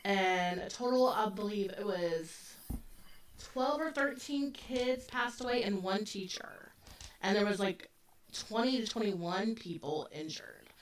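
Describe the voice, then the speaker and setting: On a casual true-crime podcast, this co-host, a woman in her forties, speaks loosely and fills her talk with fillers. Her voice is medium-pitched and measured in pace, a bit distant from the microphone, with a little hiss or hum in the recording.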